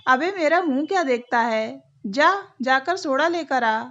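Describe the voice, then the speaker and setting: A woman voicing a gruff drunken father. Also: sits high, expressive, measured pace, fairly bright tone, lo-fi sound, exaggerated voice. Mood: scolding. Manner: gruff scolding commands. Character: harsh drunken father, middle-aged man, short-tempered.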